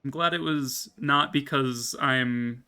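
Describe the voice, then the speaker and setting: A man's voice: medium pitch, takes it slowly, pushed and bright, smooth. A man giving casual, jokey playthrough commentary as a gaming streamer.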